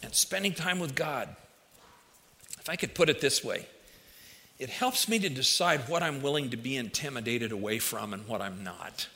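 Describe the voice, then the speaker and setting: A man's voice: medium pitch, expressive, moderate pace, pushed and bright. A man preaching a conversational, folksy sermon, addressing listeners directly, his speech slightly affected by wearing a dental retainer. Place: large hall, speaking to a congregation. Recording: long hall reverberation.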